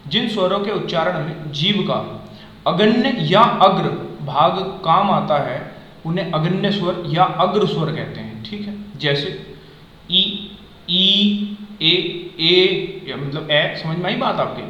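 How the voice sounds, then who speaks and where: High-voiced male teacher in an echoey room. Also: lively intonation, fairly bright tone. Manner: checks understanding with repeated questions; says the sounds aloud slowly as examples. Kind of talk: explanatory grammar lesson. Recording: echoey, dull lo-fi room sound.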